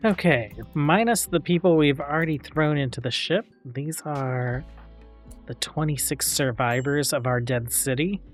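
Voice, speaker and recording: A man hosting a let's play, calmly thinking aloud with frequent fillers as he plays a strategy game. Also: fairly high pitch, measured pace, soft background music. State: hiccups. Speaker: gaming channel host.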